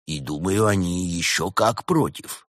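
A man's voice: a bit bright, dry recording, studio quality. A man voicing a gloomy, grumbling male detective in an audiobook. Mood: dry. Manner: slow, low, grumbling. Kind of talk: audiobook character voice.

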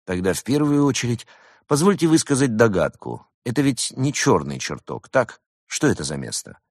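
A man voicing a calm, dry-witted young leader. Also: mid-range voice, normal speed, dry recording, pitched above the performer's own voice.

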